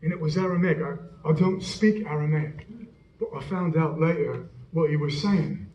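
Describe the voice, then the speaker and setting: A man playing an earnest Roman centurion who tells what he witnessed, halting and stammering, in a church stage monologue with an echoey hall, dull sound and faint music. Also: on the high side, a little mellow, a little hiss or hum, close to an everyday voice. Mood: awed. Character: earnest Roman centurion soldier, awed eyewitness.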